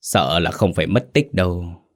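Brief: a man doing a grave exorcist master, deep, deliberate, commanding. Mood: stern.

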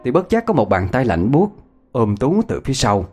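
A man narrates a ghost story. His delivery is dramatic, and his pitch moves around a lot. Faint music plays beneath him. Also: big pitch swings, moderate pace, a little mellow.

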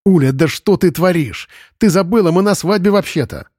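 A man's voice: high-pitched, normal speed, a little mellow, no echo, clean studio sound, voice pushed up. A man voicing an anxious young groom in a storybook, scolding in a raised, agitated tone. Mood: alarmed, scolding.

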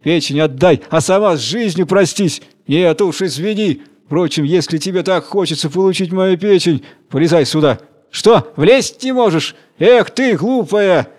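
A man voicing a clever, sly female monkey from a fairy tale, speaking higher and mocking. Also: brisk, close to an everyday voice. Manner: taunting, higher-pitched.

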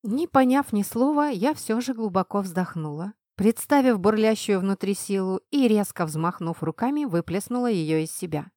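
A woman narrating a fantasy audiobook in an expressive, acted reading, recorded close to the mic. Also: medium pitch, normal speed, few pauses, dry recording.

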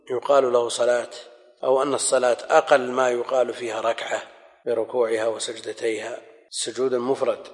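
A man teaching a scholarly lesson in a measured, explanatory manner, often repeating key phrases. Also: medium pitch. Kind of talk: recorded lecture commentary. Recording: long hall reverb.

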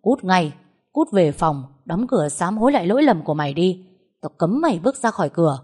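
A woman voicing a stern, domineering older father who scolds and shouts at his daughter. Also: on the low side, big pitch swings, brisk, husky. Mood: furious.

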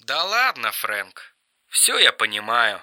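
A man voicing an erratic, mocking young man on the phone in an audiobook reading, shrill and teasing. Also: full character voice. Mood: sly. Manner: shrill, teasing, quick swings to flat calm.

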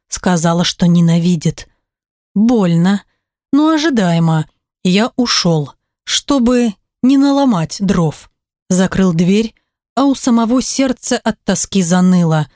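A woman narrating a romance novel in the first person, with an emotional, expressive telling. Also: medium pitch, dry recording, clean studio sound. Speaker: audiobook narrator.

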